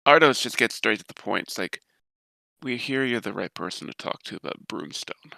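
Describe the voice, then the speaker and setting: A man's voice: fairly low pitch, lively intonation, moderate pace, creaky, bright, forceful tone, dry recording, poor audio. A man playing a tabletop game, making wry jokes in casual chat. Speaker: player.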